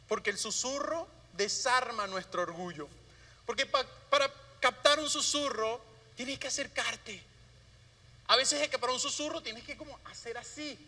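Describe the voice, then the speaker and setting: A man preaching a sermon as pastor, often dropping to a soft hushed voice to stress a point. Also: extremely high pitch. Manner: drops to a soft hushed voice for emphasis. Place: church sanctuary. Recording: long hall reverb.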